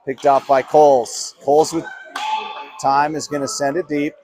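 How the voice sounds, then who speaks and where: A man calling live play-by-play for a youth hockey game, chatty and easygoing, getting louder on big plays. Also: on the high side, moderate pace, a little hiss or hum. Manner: chatty, laughs often, rises in excitement on big plays.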